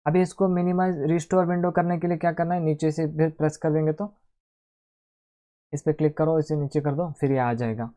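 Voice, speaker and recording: A man hosts a casual computer tutorial, talking his viewers through each keyboard shortcut step by step. His voice is mellow and warm. He addresses the audience as friends and narrates every click as he goes. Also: fairly high pitch, fairly even intonation, a little fast. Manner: chatty, keeps calling viewers "friends", walks through steps aloud. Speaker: tech tutorial host. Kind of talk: casual screen-recorded tutorial.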